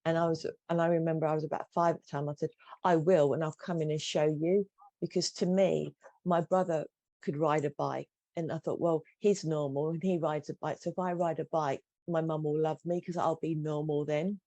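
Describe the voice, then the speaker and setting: A middle-aged woman recounts her life story as a guest coach on an interview show. Her voice is mellow and unhurried in its earnestness, with frequent restarts. The recording is dry, with little room sound. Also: sits low, fairly even intonation, no echo.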